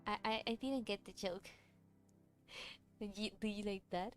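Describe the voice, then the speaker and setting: With faint music playing, a woman sketches her webcomic on stream, speaking at a measured pace in a mid-range voice. Cantonese is her first language, and she chats loosely, wandering between topics and responding to viewers' questions.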